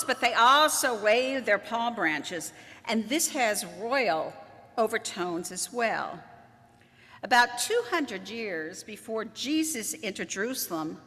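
A woman pastor delivers a sermon in a lively, swooping style with a bright, forceful edge, tossing in dry, wry asides. Her medium-pitched voice carries some vocal fry. It rings through a church sanctuary, where a long reverb hangs in the air.

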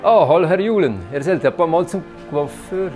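A man's voice: fairly high pitch, animated, moderate pace, a little mellow, soft background music. A man in his sixties with a Swiss German accent, hosting a restaurant test with blunt, teasing, grumbling remarks while walking around. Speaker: restaurant tester host. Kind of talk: casual on-camera chat. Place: outdoors in a mountain village, then hotel rooms.

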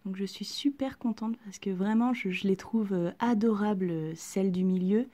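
A woman chatting through a casual unboxing at home, gushing with excitement and often dropping to a soft whisper. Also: mid-range voice, moderate pace. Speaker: vlogger unboxing collectible figurines.

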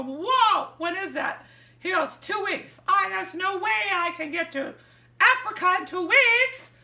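Seated in an armchair in her living room, an older woman vlogger shares dating advice through casual storytelling to camera. Her voice is very high and bright, and she's animated, using hand gestures as she acts out quoted lines. The indoor recording has a roomy echo.

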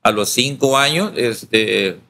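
A man's voice: medium pitch, lively intonation, slow, gravelly, sharp tone. A man from El Salvador, a pastor, telling his story in an interview and acting out the quoted dialogue.

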